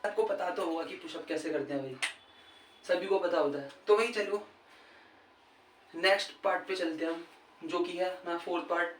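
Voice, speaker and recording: High-voiced man giving casual coaching tips. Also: moderate pace, long pauses. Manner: chatty, keeps saying "brother" and "okay". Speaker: cricket fitness coach. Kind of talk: casual instructional vlog. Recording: echoey, distant, faint background noise. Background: faint ambient sound, a TV match playing.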